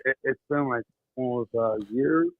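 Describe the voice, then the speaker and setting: A man's voice: medium pitch, normal speed, dry recording. A man calling in to a podcast, pushing a challenging question and stumbling over restarts, his voice muffled as if heard through a wall. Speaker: caller. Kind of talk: call-in question to a podcast host. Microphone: phone call. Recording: muffled tinny phone line, dry.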